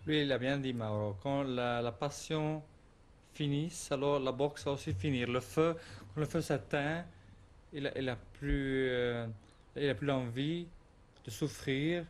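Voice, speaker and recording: A man's voice: medium pitch, measured pace. Man, searching for words. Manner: searches for French words, determined. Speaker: boxer. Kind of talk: TV talk show guest.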